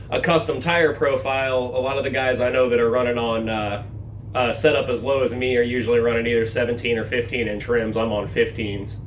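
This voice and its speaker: Man, mid-pitched voice, folksy mechanic, casual how-to talk, handheld camera, noticeable engine and vehicle noise. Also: a bit bright. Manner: informal, folksy mechanic's way of explaining. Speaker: amateur mechanic presenting a truck repair. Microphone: handheld camera held while working.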